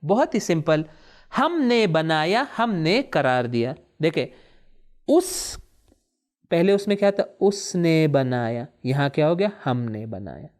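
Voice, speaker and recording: A man teaching Arabic words of the Quran in a classroom-style lesson, asking questions and answering them himself, repeating each word slowly and mixing in English terms. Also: on the high side, sing-song.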